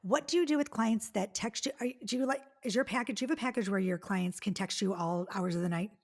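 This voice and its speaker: A woman in her late forties hosting a podcast, bubbly and effusive, chatting casually with her guest. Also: mid-range voice. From United States. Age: 40s. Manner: bubbly, quick, effusive agreement. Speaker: podcast host.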